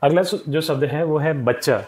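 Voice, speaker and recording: Slightly high and darkish in tone, a man's voice comes at normal speed with a little hiss or hum. He's teaching young pupils from a textbook, patiently repeating the answers and frequently saying "theek hai."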